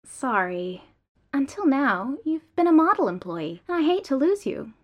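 A woman reading the lines of an apologetic male manager in an audiobook, calm and soothing. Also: sits high, normal speed, lo-fi sound, voice pushed up. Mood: placating.

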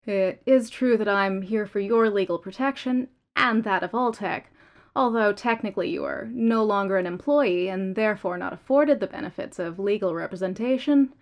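A woman reading the lines of a male corporate lawyer in an audiobook, formal and deliberate. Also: mid-range voice, highs cut off, lightly acted. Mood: measured. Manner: formal, deliberate legal phrasing.

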